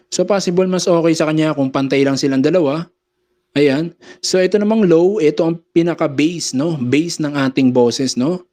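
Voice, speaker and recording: A man with a slightly higher-than-usual voice walks through audio settings in an easy, explaining tone. He breaks off now and then to run through quick mic-check phrases into a condenser microphone. It sounds like a small home studio. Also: dark tone. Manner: explains step by step, says mic-check phrases between adjustments. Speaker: audio gear seller and tutorial host. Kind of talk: casual how-to demonstration. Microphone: condenser microphone through a mixer.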